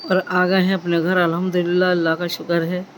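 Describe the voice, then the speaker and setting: A woman's voice: lowish voice, flat delivery, fast talker, slight background noise, rough recording. A middle-aged woman, chatting casually to her vlog viewers and often thanking God. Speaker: vlogger. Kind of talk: casual vlog chat to camera.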